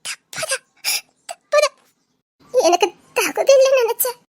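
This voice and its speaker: A woman's voice: extremely high pitch, normal speed. A woman playing a tearful, ashamed young wife. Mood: pleading. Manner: tearful, broken, half-laughing through sobs. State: crying. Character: young wife, ashamed and self-denying, leaving.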